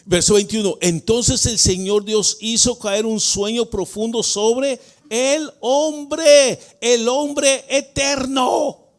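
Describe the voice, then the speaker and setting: High-voiced preaching man, slow and dramatic. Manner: calls questions to the congregation, swings from quiet to shouting. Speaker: pastor. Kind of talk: Spanish-language sermon. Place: church sanctuary.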